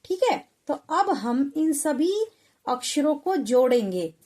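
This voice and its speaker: A woman's voice: high voice, very animated, slow, darkish tone. A woman teaching a Hindi lesson to children, patiently sounding out syllables one by one.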